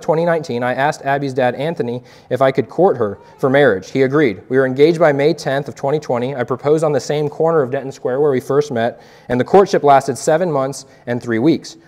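A man's voice: mid-range voice, a little mellow. A young man and evangelist giving an earnest, preacherly testimony to a youth group, quoting scripture as he speaks.

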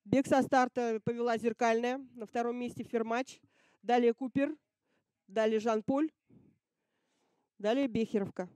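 A woman's voice: fairly high pitch, steady tone, a little slow, pauses often, dark tone, no echo. A woman giving live harness racing commentary in short, terse announcements. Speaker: race commentator.

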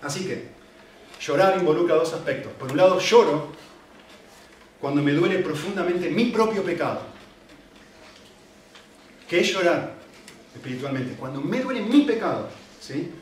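A man's voice: fairly high pitch, animated, normal speed, pauses often, slight background noise. A man preaching a sermon, earnest and emphatic, often checking in with the audience. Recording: very echoey hall, mic at a distance.

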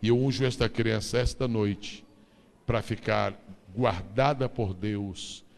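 A man's voice: fairly low pitch, fairly even intonation, slow pace, creaky, darkish tone. A male pastor preaching a sermon, animatedly acting out the story for his congregation. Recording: long reverb of a large church.

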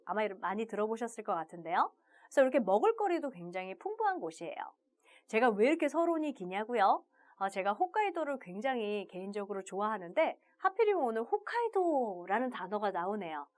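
A woman teaching a video language lesson, upbeat and chatty, opening her phrases with a bright "자". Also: on the high side.

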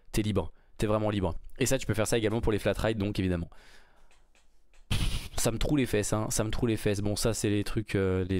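A man giving casual, excited commentary while reacting to a game trailer, rambling with many fillers and restarts. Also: on the low side, dry recording, clean studio sound. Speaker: gaming YouTuber reacting to a trailer.

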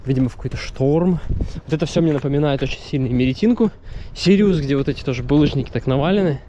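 This casual walking vlog features a man in his thirties strolling by a seaside harbor, camera at arm's length, talking in a chatty, meandering way. He speaks fast in a slightly high, dark-toned voice. The audio is muffled, with outdoor wind and street sounds.

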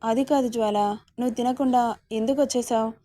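A woman voicing a patient young man in a romance story, coaxing gently. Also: fairly high pitch, steady tone, brisk, no room sound, lightly acted.

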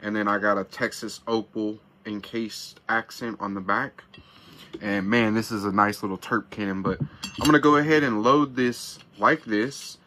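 A man in his thirties sits in a small camper van, talking into a nearby camera as he gives a casual, hyped product review full of slang and swearing. His voice is fairly low, steady and sharp at a normal speed, with slight background noise.

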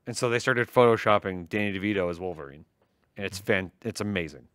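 A man's voice: sits low, fast, no echo, clean studio sound. A man co-hosting a tech stream in casual banter, teasing and laughing often as he tells jokes. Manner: laughs often, teasing, animated joke-telling.

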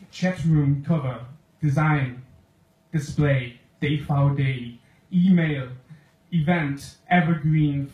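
This poetry slam performer is a young man from England whose mellow voice is a little high; he speaks a second language with an English accent. He reads a comic poem from a sheet at a stand mic, slowly and deliberately, on a small club stage with an audience. The crowd-filmed audio sounds roomy, with faint noise.

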